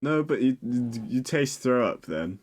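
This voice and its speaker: A young man co-hosting a podcast, chatting in a relaxed way with dry teasing humor. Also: mid-range voice, unhurried. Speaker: podcast co-host. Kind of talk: casual chat.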